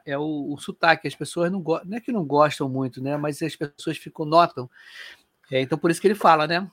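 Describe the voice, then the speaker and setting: Male stream host, reads the chat aloud, upbeat asides, a touch high-pitched. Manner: reads viewer comments aloud, lively asides. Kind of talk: casual live-stream chat.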